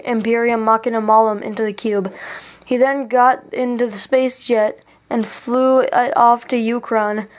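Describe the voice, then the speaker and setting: Higher-voiced woman reading her own story. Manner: earnest reading with stumbles and restarts. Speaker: author reading own book. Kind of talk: reading a self-written story aloud.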